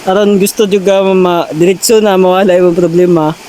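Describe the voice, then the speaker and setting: A man's voice: sits high, fairly even intonation, fairly quick, warm tone, a little hiss or hum, poor audio. A man performing a comedy skit, teasing his partner and repeating his words for laughs.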